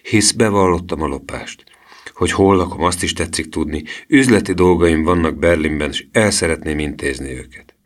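A man reading an audiobook, voicing a sly, sullen thief in a low, muted voice. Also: close to an everyday voice. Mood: wheedling.

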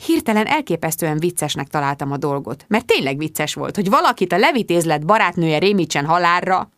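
A woman narrates a first-person audiobook in a confiding, wry storytelling voice. Her pitch moves expressively through the lines. The sound is dry and close, with no room around it. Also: sing-song, no room sound.

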